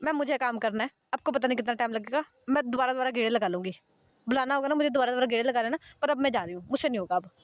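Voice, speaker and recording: A woman's voice: a little high, racing, dry recording, lightly acted. Woman voicing a fed-up young office worker. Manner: scolding, repeats herself in exasperation. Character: young woman employee, hot-tempered and fed up.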